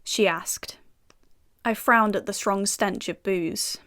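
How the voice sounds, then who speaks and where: A woman's voice: medium pitch, slow pace, fairly bright tone. A young British woman playing a self-assured FBI agent and narrating in first person with dry, sardonic asides. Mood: wry. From United Kingdom.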